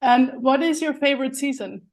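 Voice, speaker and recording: A podcast host with a high voice and a darkish tone chats casually with an interview guest. After a slow, careful intro she turns upbeat and laughs often.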